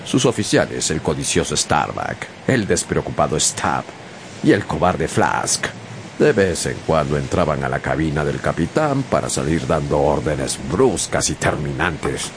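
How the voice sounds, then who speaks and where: An actor with a very deep, exaggerated voice plays a young sailor recounting his own sea adventure in a dramatized radio story, told in the first person. His delivery is sing-song and unhurried, with an intrigued, suspenseful mood. Music plays beneath the narration, and there is some background noise.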